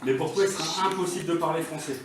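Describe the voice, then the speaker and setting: A man working as a stage hypnotist, giving calm, repeated commands and suggestions. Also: fairly high pitch, rapid-fire. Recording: roomy echo, distant mic, loud background noise.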